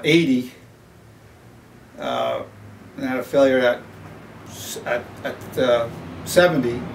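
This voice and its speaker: A man's voice: mid-range voice, distant mic. Rambling 70-year-old man in a home gym. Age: 70s. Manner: rambling, halting, with many uh's and restarts. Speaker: fitness vlogger promoting his product. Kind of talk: casual talk to camera. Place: small home gym, indoors.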